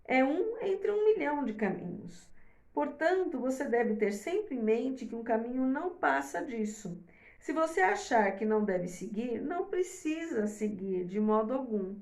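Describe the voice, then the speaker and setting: A middle-aged woman, a parenting mentor, gives an informal online lecture in a conversational tone, ending her sentences with "né?". Her voice is high-pitched, sing-song and darkish, she speaks unhurriedly, and the recording has a roomy echo.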